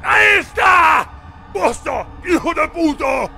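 Frantic murderous game villager, shouting very high, gritty and piercing. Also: male voice, expressive, fast talker, gravelly, faint music behind, heavily acted. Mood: enraged. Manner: shouted barks, menacing. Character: enraged villager cultist enemy, frantic and murderous. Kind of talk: video game dubbing demonstration.

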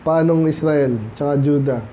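A Filipino man preaching at a midweek church Bible study, his voice sitting high for a man. He talks conversationally, dropping English phrases in and calling out for amens. The recording is dull and lo-fi, with a faint hiss behind him. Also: fairly even intonation, moderate pace, dark tone. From Philippines. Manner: conversational, often calls out for amens from the congregation. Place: church hall.

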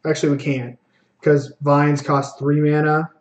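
Young male streamer, slightly high voice, running self-critical commentary on his own card game plays. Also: flat delivery. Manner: self-critical, thinking aloud, quick asides. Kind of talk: live gameplay commentary.

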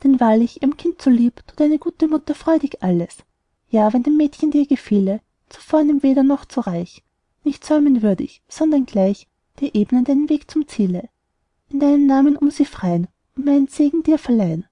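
A woman's voice: high-pitched, lively intonation, normal speed, mellow, no echo, lo-fi sound. A woman voicing a worried, skeptical mother in an audiobook, reading rhymed verse earnestly.

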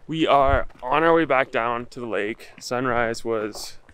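A man's voice: medium pitch, measured pace, background noise. A young man chatting casually in a hiking vlog, filmed outdoors with a handheld camera at arm's length. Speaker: travel vlogger. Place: outdoors on a mountain trail.

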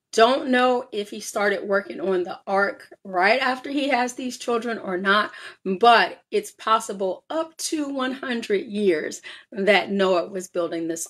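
A woman's voice: medium pitch, a bit bright. Chatty woman teaching a Bible study. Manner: reads scripture aloud then explains with frequent "all right?" and "um". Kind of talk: casual Bible study reading and explanation.

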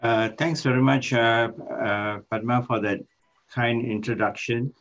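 An older man from Malaysia giving an online lecture as a guest professor, halting with many fillers and restarts, speaking on a video call from his office. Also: mid-range voice, fairly even intonation, fairly bright tone. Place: office with shelves. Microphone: laptop microphone on a video call. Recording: muffled video call audio.

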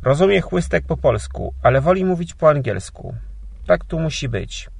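A man voicing a gruff but kind older emigrant gentleman in a storybook, talking brusquely and grumbling. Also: on the high side, sing-song, moderate pace, dry recording, studio quality, voice pushed up, exaggerated voice. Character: gruff, kindly old Polish emigrant gentleman.

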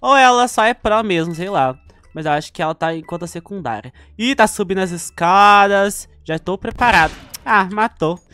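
A man's voice: high-pitched, moderate pace, bright, forceful tone. A young man with a Brazilian Portuguese accent, giving chatty gameplay commentary with dramatic outbursts. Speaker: gaming YouTuber.

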